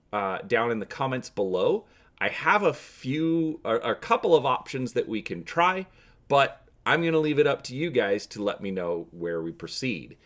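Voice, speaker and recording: A man hosting and narrating an adventure story for viewers in a theatrical, emphatic way. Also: medium pitch. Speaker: host and narrator of a story channel. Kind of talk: dramatic reading of an adventure story.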